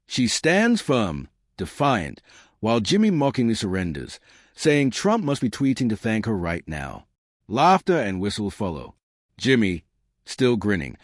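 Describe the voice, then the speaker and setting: Male narrator, low voice with lively swings, dry close sound, for dramatic scripted storytelling. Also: dry recording.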